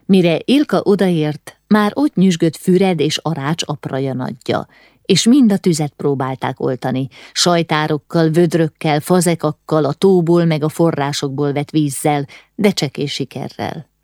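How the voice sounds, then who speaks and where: A woman's voice: sits low, a little mellow, no echo, clean studio sound. A woman reading a novel aloud as an audiobook narrator, voicing the dialogue with urgent, rising lines in tense moments. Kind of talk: scripted narration.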